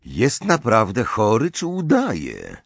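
A man reading an audiobook and voicing a brisk, wary teenage boy. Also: on the low side, wildly swooping pitch, vocal fry, slightly rough, no echo, heavily acted. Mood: suspicious.

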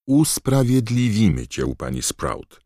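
A man's voice: lowish voice, big pitch swings, measured pace, dark tone, dry recording, studio quality, pitched above the performer's own voice, full character voice. A man reading an audiobook voices a friendly, practical teenage schoolboy wizard in a plain, friendly tone.

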